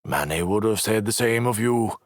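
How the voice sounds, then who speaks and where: A man narrating an audiobook voices a bitter, injured male crew leader with a rough, growling, scornful delivery. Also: lowish voice, expressive, normal speed, dry recording, studio quality, voice pushed up, natural voice.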